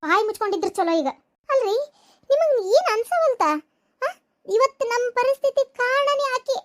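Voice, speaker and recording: A woman's voice: very high-pitched, fairly quick, a bit bright. A woman speaking with a North Karnataka Kannada accent, acting an anxious village mother who pleads one moment and bitterly scolds the next. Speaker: worried mother in a family skit. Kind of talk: village family drama acting.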